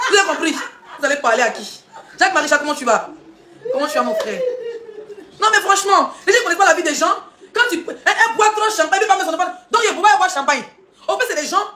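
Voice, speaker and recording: A social media streamer goes on a heated live rant, laughing as she mocks critics and throws out rhetorical questions. She speaks high and extremely fast, and the room's echo is noticeable.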